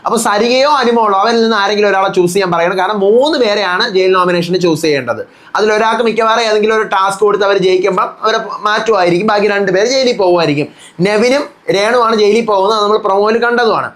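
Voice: mid-range voice, quick pace. A commentator giving a casual recap of a reality show and acting out the quarrels as they retell them. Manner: animated, acts out quarrels while retelling.

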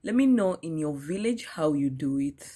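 A young woman, a cooking vlogger, narrates her village cooking video and talks to her viewers in a friendly way. Her voice is low, with lively intonation and a moderate pace, over loud background music.

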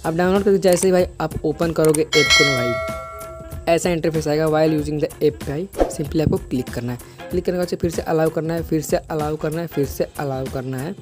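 A man's voice: a little high, moderate pace. A young man giving a casual app tutorial voice-over, repeating himself and addressing the listener as a buddy. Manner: repetitive, peppers sentences with "bhai". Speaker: tech video host. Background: background music.

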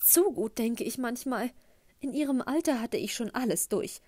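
A woman voicing a gushing, tactless middle-aged mother who talks loudly and effusively. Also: on the high side, animated, moderate pace, no room sound, studio quality, pitched above the performer's own voice. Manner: loud, effusive, embarrassing chatter.

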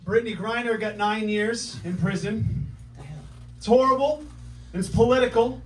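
A man's voice: high-pitched, moderate pace, a little hiss or hum. A man doing a stand-up comedy set, chatty and self-mocking, laughing at his own jokes. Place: comedy club stage. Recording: roomy club from far off, crowd laughing.

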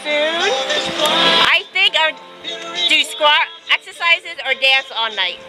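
A woman's voice: sits high, animated, slow, loud music behind the voice, poor audio. A woman vlogging casually outdoors on a sailing catamaran at sea, chatty and exclaiming into a handheld camera. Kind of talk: casual vlog chat. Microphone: handheld camera mic. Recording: loud wind and water noise.

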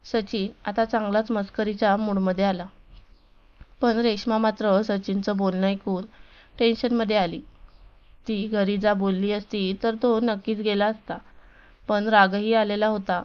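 A woman narrating a romantic storybook in a calm, even reading. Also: medium pitch, unhurried, clear, resonant tone, muffled recording.

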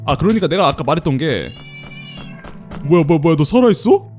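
A man giving chatty, excitable commentary while playing a horror game, exclaiming often. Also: fairly high pitch, fairly quick, faint music behind. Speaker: game streamer. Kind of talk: let's play commentary.

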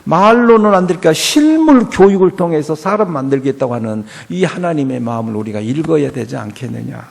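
Gravelly Korean pastor preaching with swings. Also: male voice, fairly high pitch, big pitch swings, a little fast. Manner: rhetorical questions, swings from quiet to loud. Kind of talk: sermon. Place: church.

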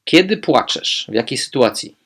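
A man teaching language, speaking German phrases slowly and clearly, then explaining them with quick asides. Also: medium pitch, sing-song, a bit bright. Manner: slow, modelling German phrases deliberately, quick asides in Polish.

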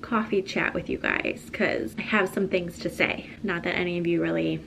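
A woman's voice: fairly low pitch, steady tone, moderate pace, gravelly, a bit bright, slight background noise. A young woman and stay-at-home mom vlogging casually to the camera at home, chatty and filling her talk with "like", tearful as she opens up. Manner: chatty, filler-heavy, emotional and tearful in the coffee chat. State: crying.

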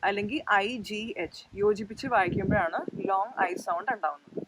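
A woman's voice: medium pitch, fairly quick, a bit bright, a little hiss or hum, poor audio. A woman hosting her own channel and teaching English pronunciation in a patient, step-by-step explanatory lesson.

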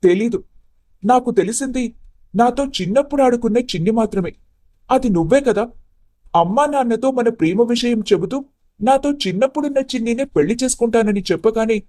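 A man voicing an upset, confused young groom in an animated story who presses with emphatic, pleading questions. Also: very high-pitched, a little fast, no echo, studio quality.

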